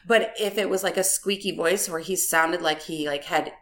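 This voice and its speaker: A woman's voice: fairly low pitch, fairly even intonation, normal speed, a bit bright. A woman in her thirties co-hosting a podcast, chatting candidly and rambling with lots of filler words. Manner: candid, giggly, rambling with many "like"s. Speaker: podcast co-host. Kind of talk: casual chat.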